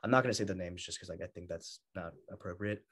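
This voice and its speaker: A young man chatting in an interview, telling stories in a lively way and laughing often. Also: sits low, quick pace, husky. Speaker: guest bodybuilder. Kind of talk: casual interview chat.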